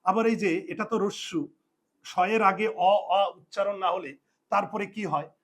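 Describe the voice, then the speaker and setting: High-voiced man teaching a spelling lesson. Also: moderate pace, fairly bright tone. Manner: repeats and drills points, asks and answers own questions. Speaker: Bengali language teacher.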